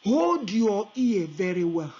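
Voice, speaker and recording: Slow and mellow, with big swings in her mid-range pitch, a Nigerian woman with an Igbo accent preaches and prays in a fervent prophetic style. She switches between Igbo, English and Pidgin, emphatic and repetitive, on dull lo-fi audio.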